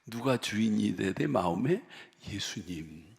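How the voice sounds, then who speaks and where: A gravelly, bright-toned male pastor whose pitch leaps and falls all through a revival sermon. He tells his stories with drama, jumping from shouts to whispers, and draws answers from the congregation. His voice rings with the long reverb of a big prayer hall. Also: expressive, unhurried. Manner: call-and-response with the congregation. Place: prayer retreat sanctuary.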